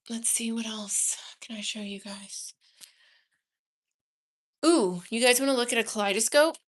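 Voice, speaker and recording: A woman's voice: fairly high pitch, bright, forceful tone. A woman chatting casually on a live stream at home, rambling fondly and talking to her houseplants. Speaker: livestreamer offering paid personal readings. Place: her own home, indoors.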